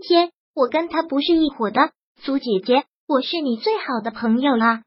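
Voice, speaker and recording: A woman's voice: high-pitched, normal speed, dry recording, dull audio, close to an everyday voice. A woman voicing a lonely, downcast young actress who talks in an earnest, pleading way, in a storybook reading.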